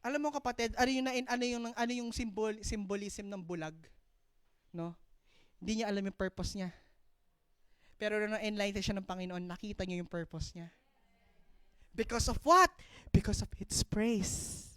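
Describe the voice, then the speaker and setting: A Filipino woman preaching a sermon, mixing in English, calling out "Amen" and swinging from loud exclaiming to hushed storytelling. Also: medium pitch, normal speed, pauses often, smooth, no room sound. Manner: mixes English into her preaching, calls out "Amen".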